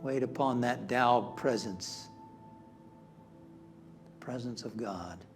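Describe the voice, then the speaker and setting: A man leading a spiritual guided meditation in a calm, measured manner with long pauses. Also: medium pitch. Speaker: meditation leader. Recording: music behind the voice. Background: instrumental music.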